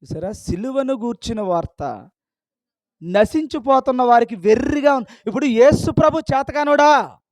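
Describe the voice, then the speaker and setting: A man's voice: very high-pitched, normal speed, darkish tone, dry recording. A man preaching a sermon, scolding his listeners with a stream of rhetorical questions.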